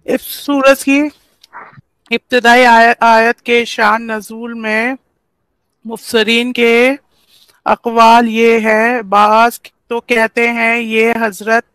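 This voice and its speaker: A woman's voice: fairly high pitch, flat delivery, a bit bright, clear, resonant tone, no echo. A woman calling into a heated online debate, arguing insistently and defiantly. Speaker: caller in a debate.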